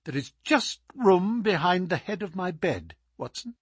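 Sherlock Holmes, crisp and imperious, read by a man. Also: high-pitched, very animated, unhurried, dry recording, clean studio sound, voice pushed up, heavily acted. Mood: urgent. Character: brilliant male detective, feverish and commanding.

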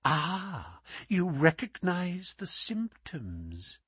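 Brief: man playing a sneering male villain, high-pitched and bright, husky edge, pitch swooping as he taunts. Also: wildly swooping pitch, very slow, no echo, clean studio sound, heavily acted. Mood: taunting. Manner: mocking and taunting. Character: sneering, cruel middle-aged male visitor.

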